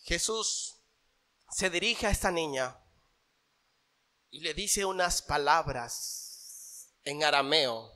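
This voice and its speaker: A male pastor with a Venezuelan accent, preaching a sermon and swinging between loud proclamations and hushed storytelling, in a church sanctuary. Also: on the high side, slow pace, pauses often. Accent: Venezuelan Spanish.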